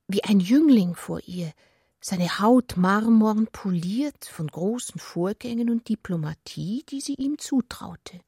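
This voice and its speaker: Heard close up on a dry studio mic, a woman of medium pitch reads literary prose as narrator of a radio adaptation. Her phrasing is measured, expressive and intimate, and her breathy voice keeps slipping into a whisper. The recording has studio quality.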